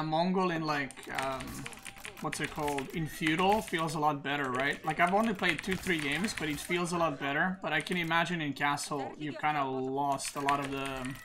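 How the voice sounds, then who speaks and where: A man streamer thinking aloud in casual gaming commentary, relaxed and full of "like". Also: fairly high pitch. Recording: noisy stream mic.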